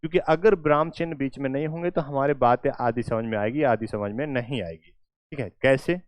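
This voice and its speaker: A male teacher giving a lecture who repeats phrases slowly and keeps checking that students follow. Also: medium pitch, no echo. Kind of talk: classroom lecture with examples. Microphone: recording while writing on a board.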